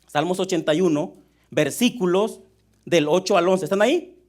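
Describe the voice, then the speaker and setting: A man's voice: high voice, normal speed. A young man preaching a sermon, often calling out to his listeners as brother. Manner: fervent, repeats "mano" and "hermano" as address. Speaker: pastor.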